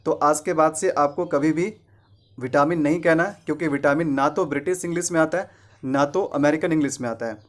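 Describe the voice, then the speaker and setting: A man gives a pronunciation lesson in a voice that sits a little high. He keeps asking his own questions and answering them, repeating the correct word more than once. He slows right down for the English example sentences. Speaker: English teacher.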